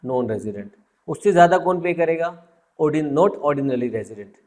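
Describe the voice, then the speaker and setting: A man gives a tutor's lecture, his voice sitting a little high for a man. He slips English phrases into his explanations and acts out his students' questions as he goes. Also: animated, measured pace, a little mellow. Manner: mixes Hindi with English phrases. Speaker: teacher.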